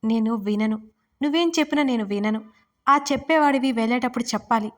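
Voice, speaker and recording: A woman voicing a hurt young wife who cries and shouts at her husband in an audio love story. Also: a little high, fast talker, natural voice. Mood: angry. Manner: shouting, tearful. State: crying.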